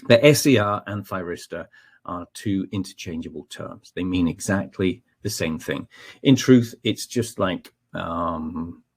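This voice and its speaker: With a deep, slightly rough voice and an unhurried pace, a man from Scotland explains technical content in a webinar one step at a time. As a trainer, he says "um" often and keeps asking "okay?" to check in.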